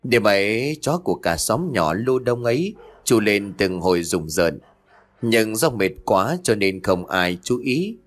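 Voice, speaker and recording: A man narrating a horror audiobook with an expressive, dramatic delivery. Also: on the low side, a little slow.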